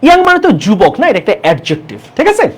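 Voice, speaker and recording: A woman teaching an exam-prep English grammar lesson, who keeps asking the class check questions and repeats key words slowly for emphasis. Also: mid-range voice, wildly swooping pitch, husky.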